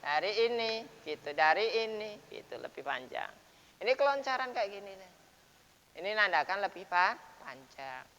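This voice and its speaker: A man teaching recitation rules at a dawn mosque lesson, patiently explaining and then chanting the words slowly and loudly. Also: high-pitched, very animated. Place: mosque, after dawn prayer. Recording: dull lo-fi sound with long mosque reverb.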